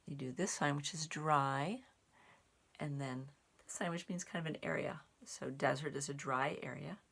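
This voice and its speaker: A woman with a low, gravelly, husky voice that's a bit bright speaks at a moderate pace. She's a storyteller and sign language teacher for young children, reading a picture book aloud and explaining things in simple language. She also teaches some sign language casually.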